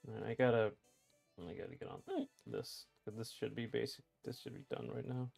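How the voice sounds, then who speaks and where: A man's voice: mid-range voice, normal speed, gravelly, a little mellow, slightly rough, soft background music. A man in his thirties, hiccuping through a casual livestream chat, reading chat aloud with wry, blunt remarks. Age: 30s.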